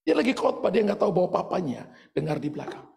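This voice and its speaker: Animated high-voiced Indonesian pastor preaching. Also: male voice, fast talker, vocal fry, long reverb tail. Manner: animated storytelling, shouting at peaks. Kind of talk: sermon.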